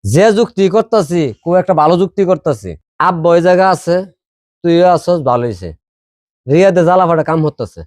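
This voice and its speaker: A man's voice: a little high, very animated, a little fast, a little mellow, dry recording, studio quality. A man playing a scheming elder son who wheedles his father for property, speaking. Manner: wheedling, plotting.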